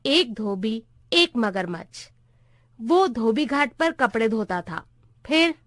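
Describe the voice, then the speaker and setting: A dozy, half-deaf old clerk behind a government counter who muddles every word he is told, as a woman reading the story puts him on. The voice sits high and moves slowly. It is recorded close and dry. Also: sing-song, fairly bright tone, dry recording, full character voice. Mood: muddled. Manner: confused, repeats things wrong. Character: hard-of-hearing old male office clerk.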